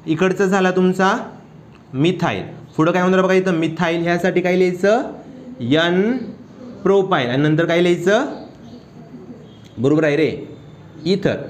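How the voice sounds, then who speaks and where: A man's voice: high-pitched, a little hiss or hum. A male chemistry teacher giving a classroom lecture, constantly firing questions at his students and urging them to answer aloud. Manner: keeps quizzing students with quick questions.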